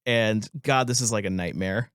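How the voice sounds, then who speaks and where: A man's voice: lowish voice, moderate pace, a bit bright, smooth, no echo, studio quality. A man co-hosting a podcast, chatting casually about a film, laughing often and acting out lines. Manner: laughs often, acts out lines in put-on voices. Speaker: podcast co-host.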